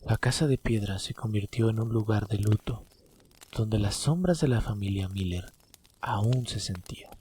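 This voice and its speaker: A man's voice: lowish voice, moderate pace, dark tone, slight background noise. A man narrating a horror story as a dramatic storyteller.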